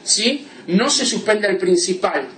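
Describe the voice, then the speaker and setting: Lively, high-voiced male law lecturer. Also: measured pace, slight background noise. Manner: explains with examples, asks "¿sí?" often. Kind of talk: classroom lecture. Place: classroom. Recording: roomy classroom from a distance.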